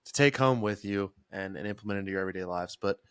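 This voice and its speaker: A man's voice: low voice, fast talker, clean tone, no room sound. Laid-back sarcastic young man, dry sound. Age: 20s. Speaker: podcast co-host. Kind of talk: casual podcast chat. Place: home office.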